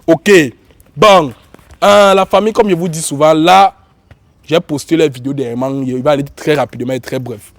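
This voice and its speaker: This YouTube host, a Cameroonian-accented man with a cold, addresses his audience and guests in a loose, repetitive manner. He speaks on the high side, at a moderate pace and in a steady tone, with no echo on the track.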